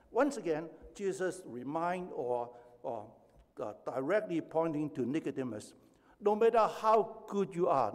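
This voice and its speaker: A man's voice: a little high, a little mellow. A man in his seventies from Hong Kong, preaching a sermon as pastor, with emphatic rising stretches and chatty personal asides. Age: 70s. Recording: echoey hall with long reverb.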